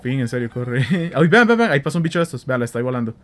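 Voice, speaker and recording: A man chatting excitedly while playing a video game, with a Central American Spanish accent, making blaster sounds and joking. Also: mid-range voice, rapid-fire. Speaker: gameplay streamer. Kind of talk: casual let's-play commentary.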